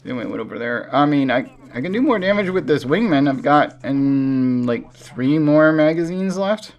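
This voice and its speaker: A man streaming a shooter game, chatting casually and thinking out loud with frequent chuckles. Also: a little high, animated, normal speed, muffled recording. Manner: chuckles often, thinks aloud. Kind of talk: casual gameplay chat.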